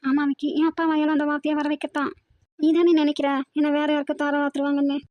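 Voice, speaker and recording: Cartoon drama: a woman playing a hurt, devoted young woman, high and flat, pleading, dry close sound. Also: fast, no echo, close to an everyday voice. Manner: pleading, emotional, insistent. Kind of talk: animated drama voice acting.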